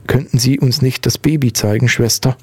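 A man voicing a young new father, soft-spoken and fussing over his wife. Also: medium pitch, fairly even intonation, normal speed, husky, no room sound, voice pushed up. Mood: affectionate.

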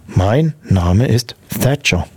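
A man voicing a young new father, soft-spoken and fussing over his wife. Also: lowish voice, lively intonation, slow pace, husky, no echo, full character voice. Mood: tired, polite.

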